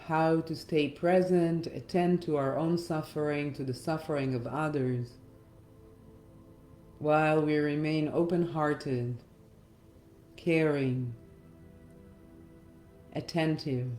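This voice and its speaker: A middle-aged woman guides listeners through a reflective meditation, speaking very slowly and pausing gently between phrases. She works as a meditation guide and hypnotherapist, and her mellow, soft-edged voice sits low and steady. It carries a roomy echo with faint music underneath.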